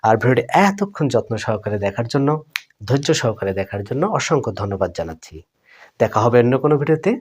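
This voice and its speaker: A man, giving a pronunciation lesson and repeating each word slowly while addressing viewers as friends. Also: mid-range voice, sing-song, breathy edge. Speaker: English pronunciation teacher. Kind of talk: Bengali-language video lesson.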